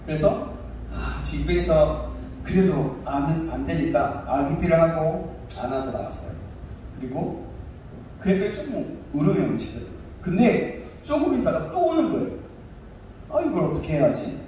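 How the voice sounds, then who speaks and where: A male pastor in his thirties preaching a sermon and telling a personal story with animated delivery. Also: a little high, normal speed. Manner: animated storytelling, acts out his own shouting. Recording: echoey room, distant mic, faint noise.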